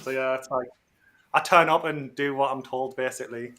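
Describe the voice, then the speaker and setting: A man's voice: medium pitch, fairly even intonation, moderate pace, pushed and bright. A man chatting casually as a guest on a livestream call, informal and slangy, talking like he is among mates. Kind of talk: casual chat. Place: remote video or voice call.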